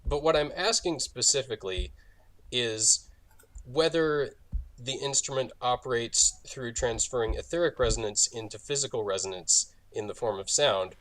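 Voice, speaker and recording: A man playing a tabletop role-playing game, describing his character's actions in a measured, deliberate way. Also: medium pitch, a bit bright, poor audio. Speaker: player.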